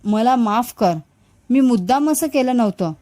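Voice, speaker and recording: A young man from a spoken ghost story, shaken and breathless under the weight of an old guilt. His words come low and unsteady, voiced by a woman storyteller. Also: animated, moderate pace, mellow, close to an everyday voice.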